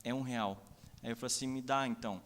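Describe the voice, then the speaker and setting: A man's voice: mid-range voice, steady tone, fast, a bit bright. A young adult Brazilian man preaching a sermon, telling personal stories and acting out the dialogue. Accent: Brazilian Portuguese. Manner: storytelling, acts out dialogue, many "né?" asides. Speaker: pastor. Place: church sanctuary. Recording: long reverb of a church hall.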